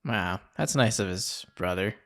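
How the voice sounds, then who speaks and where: Dude doing chill anime reaction, swears a lot, faint music behind him. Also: male voice, low-pitched, animated, a little slow, fairly bright tone. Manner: informal, sweary. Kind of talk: casual reaction commentary on an anime film. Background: faint music from the film.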